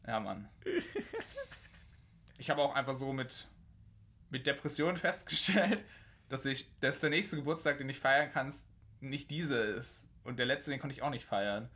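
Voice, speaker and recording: A man's voice: mid-range voice, a little slow, pauses often, pushed and bright. A man in his twenties telling stories in a slangy, enthusiastic casual chat. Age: 20s.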